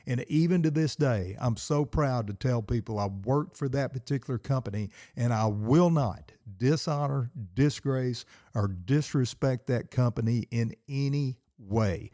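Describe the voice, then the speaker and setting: A middle-aged man talks alone into the mic in his basement, working himself up like a pastor in the pulpit. His voice is warm and low in color, recorded close and dry with no room sound. He hammers points home with repeated, emphatic phrases. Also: no room sound. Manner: fired-up, emphatic, preacherly repetition. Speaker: podcast host and pastor. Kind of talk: solo podcast with preaching.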